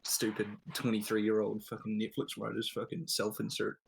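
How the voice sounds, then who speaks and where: A man's voice: lowish voice, flat delivery, normal speed, gravelly, a little hiss or hum, poor audio. A young man co-hosting a podcast, chatting casually with wry, sweary remarks. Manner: wry, sweary, brief interjections. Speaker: podcast co-host. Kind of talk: casual chat.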